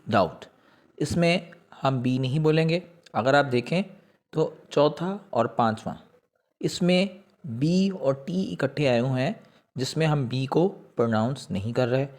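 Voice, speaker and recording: A man's voice: mid-range voice, darkish tone. Male teacher repeating example words. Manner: says each example word twice, then gives its meaning. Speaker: English teacher. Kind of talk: video lesson on pronunciation.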